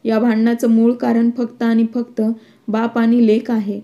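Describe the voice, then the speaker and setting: A woman voicing a quick-tempered, defiant young married woman in a storybook reading, in a flat read-aloud delivery. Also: on the high side, lo-fi sound, natural voice.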